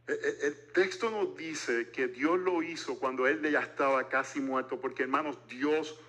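A man's voice: mid-range voice, moderate pace, fairly bright tone. A man in his forties preaching a sermon as pastor, mixing jokes into a conversational delivery. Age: 40s.

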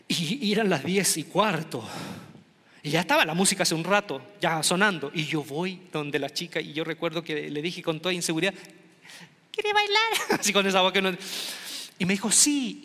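A middle-aged man from Chile telling a comic story to an audience, animated and acting out the voices of the people in it. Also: high-pitched. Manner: animated, acts out quoted voices. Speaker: stand-up comedian. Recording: long hall reverb.

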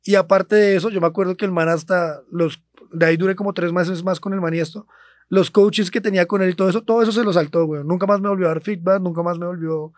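A man's voice: high-pitched, fairly even intonation, fast talker, dry recording. A young man with a Colombian accent, co-hosting a podcast. He tells a long story in loose slang, swearing freely. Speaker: podcast co-host. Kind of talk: casual storytelling chat.

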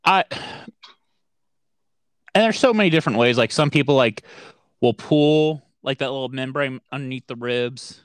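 A man's voice: mid-range voice, clear, resonant tone, dry recording, studio quality. A man co-hosting a podcast in casual chat, joking easily and hedging with lots of "like.". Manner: joking, quick to laugh, hedging with "like". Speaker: podcast co-host.

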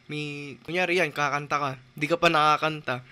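Bright high-voiced man chatting casually. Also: steady tone, normal speed, smooth. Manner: chatty storyteller, often laughing, many fillers. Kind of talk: casual chat.

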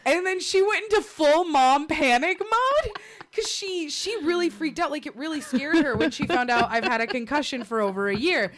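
Young woman, slightly high voice, animated storyteller, swears casually, laughs often. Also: normal speed, slight background noise.

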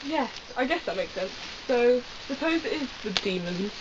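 A man's voice: extremely high pitch, animated, normal speed, noisy background, pitched above the performer's own voice. A man voicing an anxious, curious young woman companion in an amateur audio drama. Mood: worried. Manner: questioning, worried. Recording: dull lo-fi with background music.

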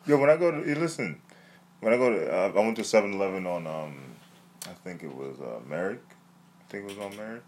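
A man's voice: lowish voice, expressive, a little fast, a little mellow. A young man in casual chat, slangy and profane, teasing his friend.

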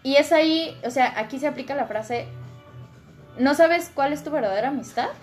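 A woman's voice: high-pitched, moderate pace, soft background music. A young woman with a Mexican accent in casual podcast chat, earnest and advice-giving, with slang. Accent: Mexican Spanish.

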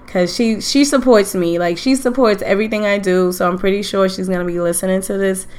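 A woman's voice: medium pitch, steady tone, a little fast, a little mellow. A middle-aged woman with a Queens, New York accent, talking casually and chattily to her podcast listeners, often repeating herself for emphasis. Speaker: podcast host. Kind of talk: casual personal monologue to listeners.

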